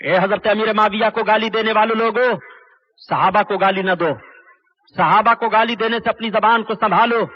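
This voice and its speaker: A man preaches a fiery religious sermon in a very high, husky voice. He declaims hard and breaks into chanted Arabic quotations. The recording sounds dull and lo-fi. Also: steady tone, normal speed. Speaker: Islamic preacher.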